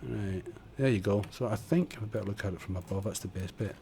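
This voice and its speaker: A man with a fairly low, creaky, warm voice talks fairly quickly while streaming a building game from home. Chatty and self-deprecating, he mutters as he builds and offers casual tutorial commentary over a desk condenser mic, with slight background noise.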